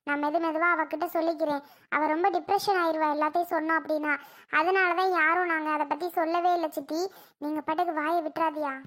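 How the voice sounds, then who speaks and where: A woman's voice: sits high, steady tone, fast, a bit bright. A woman voicing a protective young woman in a cartoon, explaining earnestly. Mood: hushed. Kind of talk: cartoon voice acting.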